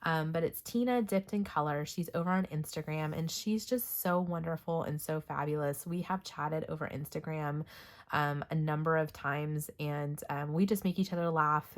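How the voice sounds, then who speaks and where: Low-voiced Texan woman rambling casually. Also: steady tone, moderate pace. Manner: rambling, filler-heavy with frequent ums. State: recovering from illness, coughing. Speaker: coloring book vlogger. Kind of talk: casual show-and-tell chat.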